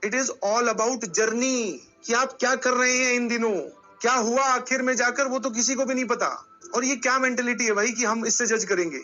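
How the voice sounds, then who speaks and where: A man's voice: very high-pitched, fairly even intonation, normal speed, pushed and bright, highs cut off, soft background music. A male coaching teacher giving a motivational lecture to students. He tells stories and talks to them directly, scolding them at times.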